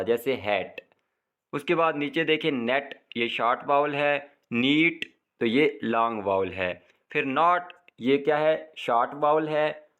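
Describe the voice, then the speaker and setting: Guy teaching a kids' english lesson, reads the english slow then explains it. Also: mid-range voice, a bit bright. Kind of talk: textbook lesson, translating into Urdu.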